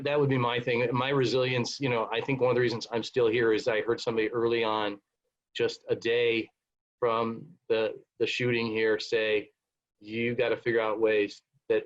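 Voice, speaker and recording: Flat-voiced pastor on a muffled call. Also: male voice, mid-range voice. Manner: earnest, advising, with fillers. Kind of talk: panel discussion. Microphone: video call.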